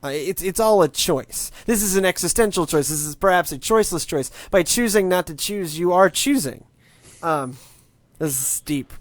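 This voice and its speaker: A man's voice: high voice, lively intonation, normal speed, dry recording. A man in his late twenties, a tech podcast co-host, chatting casually in a wry, rambling way with lots of restarts. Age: late 20s.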